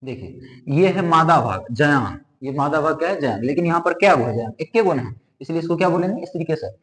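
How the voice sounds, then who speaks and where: Male biology teacher, fairly high voice, quizzes himself aloud, long room reverb. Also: lively intonation, quick pace, a bit bright. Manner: asks questions and answers them himself, repeating terms. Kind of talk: classroom lesson with drawing.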